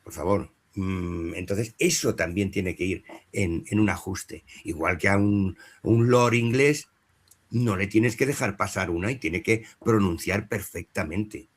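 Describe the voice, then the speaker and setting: Man, husky voice, lowish pitch, hesitant, restarts often. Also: unhurried, few pauses. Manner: hesitant, with many fillers and restarts. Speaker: dubbing director. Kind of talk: panel talk on dubbing.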